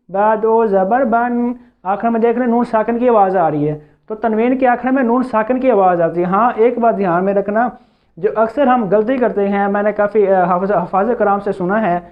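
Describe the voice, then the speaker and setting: Man teaching recitation, tinny phone-like sound. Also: high voice. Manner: patient, repetitive, slow drawn-out recitation examples. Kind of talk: explaining tajweed rules.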